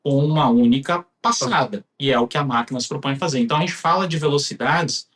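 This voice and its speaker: A man's voice: mid-range voice, quick pace, a bit bright. A man with a Brazilian accent giving a conversational technical explanation as a specialist guest.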